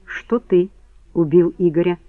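A man reading the part of a sharp woman who questions her lover in cool, cutting lines. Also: sits high, steady tone, a little slow, no echo. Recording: tinny phone-like band, dry.

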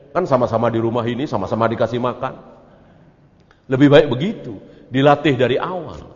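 A man teaching as an Islamic teacher in a religious study lecture, asking rhetorical questions and answering them himself. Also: mid-range voice. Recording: echoey hall, dull lo-fi audio.

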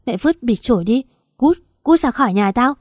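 A woman voicing a gentle mother who scolds her daughter in bitter reproach, in a mellow voice on a dry recording. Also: a little high, brisk, dry recording, lightly acted. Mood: scolding. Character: gentle older mother, shamed and angry.

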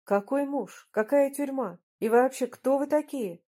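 A woman reading an audiobook, voicing a crude young male thug who yells threats. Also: sits high, measured pace, voice pushed up. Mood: angry. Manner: yelling threats.

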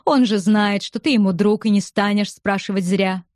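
A woman reading the part of a composed older lady who speaks in a measured, reasoning way, with a mellow tone. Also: medium pitch, no room sound, clean studio sound, lightly acted.

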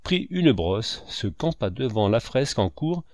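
A man narrating a novel as an audiobook reader in an expressive, measured manner. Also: medium pitch, a little hiss or hum. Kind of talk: literary narration.

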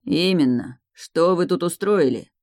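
A woman voicing a stern, mocking male lord in an audiobook, speaking slowly with cool irony. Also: lowish voice, a little mellow, dry recording, studio quality. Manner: slow, drawling, coolly ironic.

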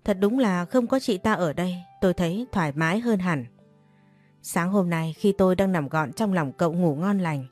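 A woman hosting her own channel, reading a romance novel aloud in calm, steady narration. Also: on the low side. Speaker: storyteller and channel host.

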